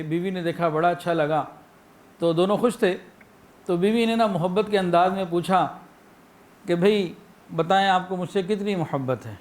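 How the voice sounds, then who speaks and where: A man with a Pakistani Urdu accent delivering a sermon, illustrating his points with anecdotes and acted-out phrases. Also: sits high. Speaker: preacher.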